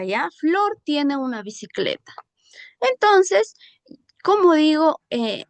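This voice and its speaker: A woman's voice: sits high, fairly bright tone, no room sound. A woman teaching a classroom English lesson in Spanish with a Peruvian accent, patiently repeating examples and checking that students follow. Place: school class session.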